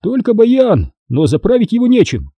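A man's voice: high voice, wildly swooping pitch, normal speed, mellow, slightly rough, dry recording, voice pushed up, heavily acted. A man reading an audiobook, voicing a young soldier who drives an armored car and reports plainly. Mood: matter-of-fact.

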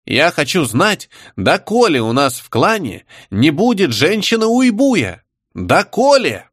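A man voicing a sly, brash young savage girl stirring up a crowd, shrill and cocky. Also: wildly swooping pitch, takes it slowly, fairly bright tone, husky, dry recording, clean studio sound, exaggerated voice. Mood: rousing. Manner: shrill, cocky, rabble-rousing.

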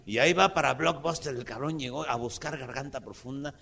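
Un humorista mexicano que cuenta un chiste largo en un espectáculo en vivo, con muchas groserías y energía. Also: male voice, mid-range voice, a little fast, creaky. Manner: profane, rowdy, animated. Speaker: stand-up comedian. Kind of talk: crude live stand-up storytelling.

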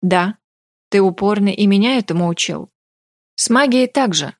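A woman's voice: medium pitch, animated, moderate pace, no room sound, studio quality. A woman reading a patient young male mage. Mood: coaxing.

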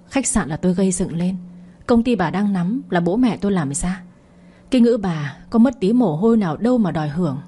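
A woman's voice: lowish voice, warm tone, husky. A woman doing a mocking, defiant young man. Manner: mocking, taunting.

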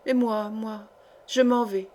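A woman voicing a desperate, worn-out young mother who speaks quietly and flatly through held-back sobs in a storybook reading. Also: on the high side, slow. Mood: choked grief.

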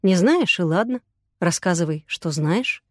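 A woman doing a calm, sly police investigator. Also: no room sound, studio quality. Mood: calmly probing. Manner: unhurried, lowered voice.

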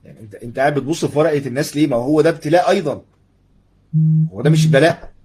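Rapid husky Egyptian man lecturing. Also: a little high. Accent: Egyptian Arabic. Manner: conversational, animated, acts out little dialogues. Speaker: Islamic lecturer. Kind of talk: religious lecture in colloquial speech.

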